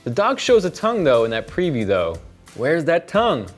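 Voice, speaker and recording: A man's voice: on the high side, wildly swooping pitch, moderate pace, faint music behind. An enthusiastic young man chatting casually through a tech review, recorded outdoors.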